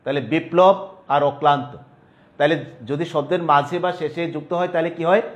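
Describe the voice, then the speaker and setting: A man's voice: on the high side, fairly even intonation, a little fast, lo-fi sound. A male teacher, giving a classroom grammar lecture and often checking whether students follow. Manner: explanatory, asks "clear?" to check understanding. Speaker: college Bengali teacher.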